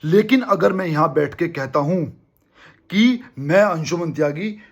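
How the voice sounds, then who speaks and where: A man's voice: fairly high pitch, measured pace. A young man from India hosting a football fan channel, giving an emphatic casual opinion monologue to his viewers and constantly calling them brother.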